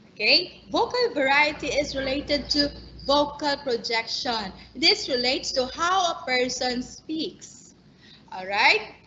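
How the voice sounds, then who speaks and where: A woman's voice: high voice, pushed and bright, muffled recording, a little hiss or hum. A woman with a Filipino accent giving a training lecture to teachers, speaking in an emphatic way and addressing them directly. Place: online training session.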